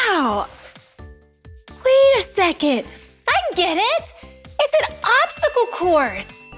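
Wide-eyed kids' show explorer; squeaky high, slow and lilting, full of gasps. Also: female voice, a bit bright, exaggerated voice. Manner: wide-eyed, gasping, giggly. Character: bubbly curious young woman explorer. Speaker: children's show presenter. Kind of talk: kids' TV presenting.

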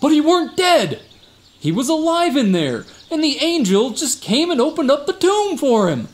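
In a comic radio drama, a man plays a fibbing male cousin who's a boastful, evasive tough-guy security guard, folksy and slangy and prone to exaggeration. He sounds earnest and indignant, with a very high-pitched, very animated voice at normal speed.

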